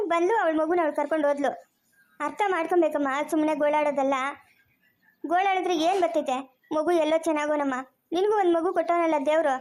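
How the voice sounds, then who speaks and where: A woman's voice: high-pitched, a little mellow, natural voice. A woman with a Chikkaballapur Kannada accent playing a stern older woman who scolds and lectures a grieving relative. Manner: scolding, preachy. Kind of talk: family drama acting.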